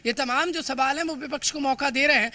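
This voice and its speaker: A man reporting live for the news, emphatic and hurried, often stumbling over words and filling pauses. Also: extremely high pitch, bright, forceful tone, no room sound. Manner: fast, emphatic, with frequent stumbles and fillers. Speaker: field reporter.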